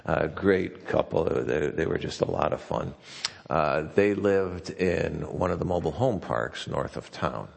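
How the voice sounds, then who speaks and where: A man's voice: deep voice, measured pace, gravelly. A man preaching a sermon in a loose, conversational way, often restarting his sentences. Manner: conversational and folksy, with frequent restarts. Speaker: pastor. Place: church sanctuary. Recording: long hall reverb.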